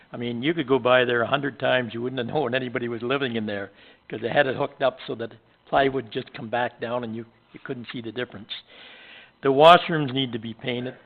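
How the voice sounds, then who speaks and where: A man with a Canadian accent, a town councillor talking plainly at a council meeting, pausing often on fillers. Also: mid-range voice, vocal fry. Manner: plain-spoken, halting with fillers. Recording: tinny phone-like audio.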